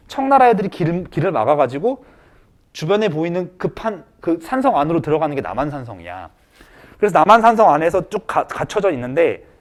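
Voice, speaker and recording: Man, high school history teacher, relaxed storytelling lecture, acts out characters, high-pitched, very lively intonation. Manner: animated, acts out characters in quick asides.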